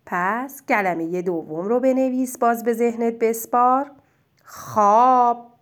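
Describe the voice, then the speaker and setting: A woman teaching a child spelling, dictating words slowly and clearly and praising their answers. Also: on the high side. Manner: slow, drawn-out dictation of single words; gentle, encouraging teacher talk.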